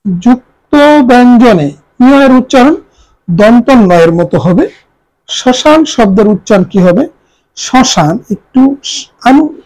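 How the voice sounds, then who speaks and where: A woman's voice: medium pitch, dark tone, poor audio. A woman who teaches a grammar lesson, explaining step by step and repeating each answer.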